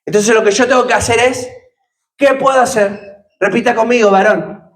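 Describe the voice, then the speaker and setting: A man's voice: extremely high pitch, steady tone, moderate pace, fairly bright tone, poor audio. A man preaching a sermon, putting questions to the congregation and joking with them. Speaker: pastor.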